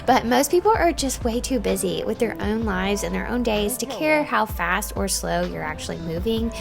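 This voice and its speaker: A woman's voice: medium pitch, lively intonation, normal speed, creaky. A woman hosting a vlog, talking in a casual, conversational style. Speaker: vlog host. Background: music.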